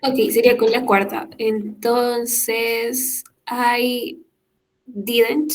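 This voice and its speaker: A woman's voice: on the high side, flat delivery, very slow. A woman student answering hesitantly in a virtual English class, working through each sentence. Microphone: video call.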